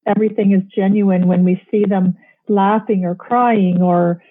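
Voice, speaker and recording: A woman's voice: medium pitch, steady tone, measured pace. A woman speaking for a program, giving explanatory interview answers with small restarts. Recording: tinny phone-like line.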